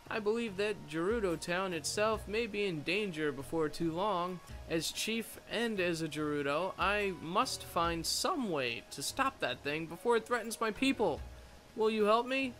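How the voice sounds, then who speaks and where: A man's voice: high voice, animated, unhurried. A man reading the lines of an earnest young girl chief from a video game, with solemn emphasis. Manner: reads dialogue aloud with solemn emphasis. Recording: game music playing loudly behind.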